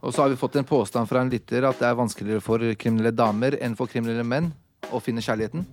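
A man chats casually as a radio co-host. His pitch sits in the middle of the male range, with faint music under his voice. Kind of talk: casual studio chat.

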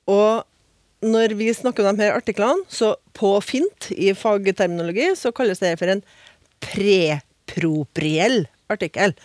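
A woman's voice: mid-range voice, a little mellow, no echo. Woman, language expert on a radio panel, patient explainer, dry studio sound. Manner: patient, explaining with examples, frequent tag questions.

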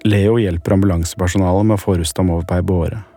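A man hosting a radio documentary, reading scripted narration calmly and asking brief questions. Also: deep voice, faint music behind.

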